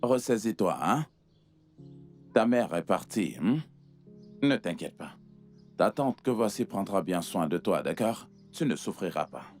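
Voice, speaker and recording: A wealthy man who talks down gently and soothingly. His voice is very deep, read as a film dub with soft music behind it. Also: expressive, unhurried, long pauses. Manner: patronizing, soothing. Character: rich man, smooth and generous-seeming. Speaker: wealthy older benefactor. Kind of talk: French dub of a Nigerian film.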